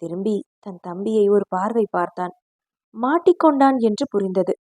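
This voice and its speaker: A woman narrating a novel aloud in a steady, expressive storytelling voice. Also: mid-range voice, moderate pace, no echo, studio quality. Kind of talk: dramatic audiobook narration.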